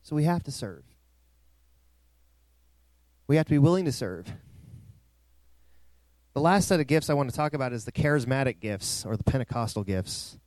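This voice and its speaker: A man's voice: mid-range voice, animated, normal speed, pauses often, darkish tone, no echo. A male pastor preaching a sermon in a dry, close recording, with emphatic rising swells.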